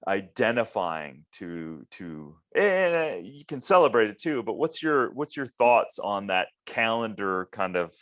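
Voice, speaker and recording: Man, podcast host, somewhat low voice, rambling casual chat, repeats words. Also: very animated, a little slow, hardly any pauses, fairly bright tone. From Minnesota, US. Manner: rambling, repeats words while searching for phrasing.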